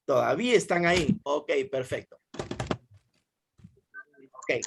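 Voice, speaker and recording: A man's voice: fairly high pitch, animated, slow pace, vocal fry, a little hiss or hum. A male teacher giving a class over a video call, repeating himself often and quizzing his students. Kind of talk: online class lecture.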